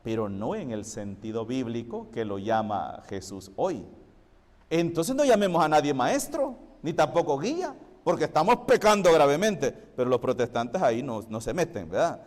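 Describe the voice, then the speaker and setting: A man's voice: mid-range voice, sing-song, moderate pace, darkish tone, in a large hall. A priest preaching a sermon to his congregation, explaining and asking rhetorical questions.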